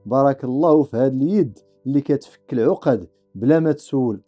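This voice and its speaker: Man playing a calm, thankful vertebra, mellow tone. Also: medium pitch, fast talker, soft background music, close to an everyday voice. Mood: grateful. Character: grateful, once-silent female lower-back vertebra.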